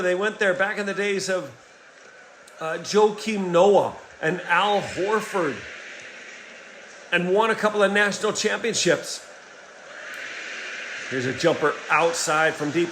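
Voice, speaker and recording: A middle-aged man calling a basketball game play by play, energetic and rising in excitement on big plays. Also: high voice, a little hiss or hum. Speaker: play-by-play commentator. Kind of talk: play-by-play sports commentary. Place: home setup, voice-over for a replayed game.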